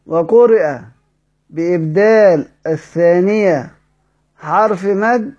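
A man with an Egyptian Arabic accent, teaching a lesson on Quran recitation. He asks the class questions and slowly chants example words to show each rule. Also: high-pitched, a little mellow, highs cut off. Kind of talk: lesson explaining a text.

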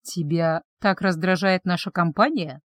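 A woman voicing a calm male elf who speaks in a soft, measured, gently teasing way. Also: medium pitch, dry recording, clean studio sound, lightly acted.

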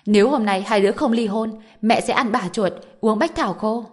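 A woman voicing a shrill, scolding mother-in-law. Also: moderate pace, natural voice. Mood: shrill outburst. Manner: loud, wailing, scolding. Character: shrill, scheming middle-aged mother-in-law. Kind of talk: audiobook character voice.

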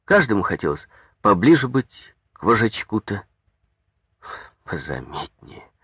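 A man with a husky low voice voicing a bitter, weary village woman who speaks quietly. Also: sing-song, a little slow, no echo, studio quality, full character voice.

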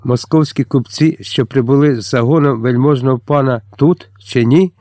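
A man's voice: medium pitch, normal speed, warm tone, no room sound, clean studio sound, natural voice. A man voicing a plump, pompous chief of the castle guard who speaks haughtily. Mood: shouting.

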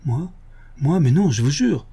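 A man's voice: mid-range voice, moderate pace, dark tone, breathy edge, natural voice. A man voicing a frightened male servant, a murder suspect who stammers and protests his innocence. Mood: protesting.

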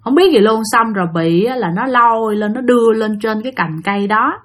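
Woman storyteller host, Southern Vietnamese accent; chatty ghost-story narration, speaks straight to the audience, pitch a touch high. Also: fairly quick, a bit bright. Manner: chatty, addresses listeners directly.

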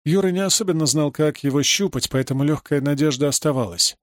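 A man reading a story aloud as narrator, in a measured, dramatic way. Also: a little high, no echo, studio quality. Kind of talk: audiobook reading.

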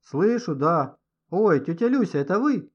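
Male narrator doing an excitable schoolboy, loud and eager, lively husky voice, lo-fi audio. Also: high voice, measured pace, pitched above the performer's own voice, exaggerated voice. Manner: shouting eagerly. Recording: dull lo-fi audio.

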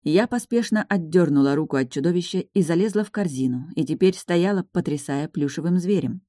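A woman narrating a first-person audiobook in an even storytelling manner. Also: low voice, fairly quick, no room sound, studio quality.

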